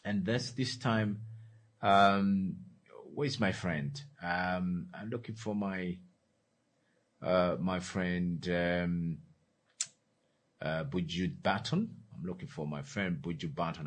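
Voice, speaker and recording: A man leading a reflective talk, asking the listener slow, repeated questions about their beliefs. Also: sits low. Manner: repeats questions, slows for emphasis. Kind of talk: reflective talk with musical breaks.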